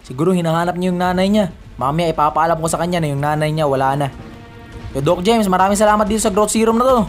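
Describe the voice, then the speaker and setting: A man giving excited, shouty commentary over his own gameplay, calling out to viewers as he plays. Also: high-pitched, fast talker. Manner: hyped, shouty, constantly addressing viewers. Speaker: gaming YouTuber. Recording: game music under voice. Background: background music.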